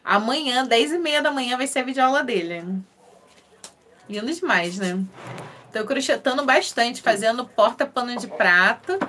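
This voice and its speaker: A woman with a Carioca accent talks casually on a crochet live stream, her voice sitting a little high. She is chatty and friendly, greeting viewers one by one and laughing often. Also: lively intonation, moderate pace, bright, forceful tone, slight background noise. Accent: Carioca (Rio de Janeiro) Portuguese. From Rio de Janeiro, Brazil.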